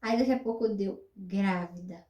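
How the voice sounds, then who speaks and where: A young woman vlogger telling a personal story to her viewers in a casual, animated way, repeating words for emphasis. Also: medium pitch, moderate pace. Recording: roomy echo, mic at a distance.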